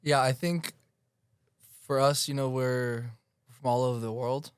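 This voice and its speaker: A man's voice: mid-range voice, steady tone, a little slow, clear, resonant tone, no room sound. A twenty-one-year-old man from Florida giving casual interview answers, full of fillers and restarts. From Florida, United States. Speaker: guest soccer player.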